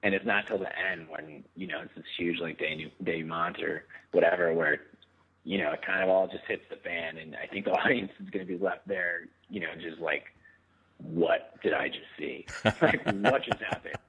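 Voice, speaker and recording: A man's voice: low voice, normal speed, husky. A man in his thirties, an actor, chatting casually as a guest, rambling with lots of fillers and easy laughter. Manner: relaxed, rambling, many fillers, laughs easily. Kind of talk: casual phone interview. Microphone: phone line. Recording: tinny phone line.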